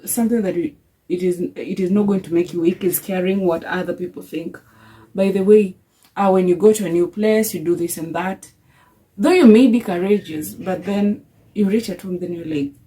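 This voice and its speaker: Young woman talking earnest about faith stuff, warm soft tone, keeps restarting her sentences. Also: on the low side, rough recording. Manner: earnest, storytelling with many restarts. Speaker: faith vlogger. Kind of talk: personal reflection.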